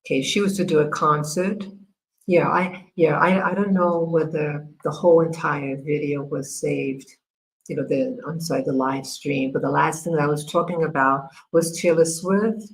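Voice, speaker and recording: A woman from America hosting a casual livestream, talking haltingly with many fillers and restarts while she works her screen. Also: sits low, steady tone, a little hiss or hum, low-quality recording. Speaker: livestream host.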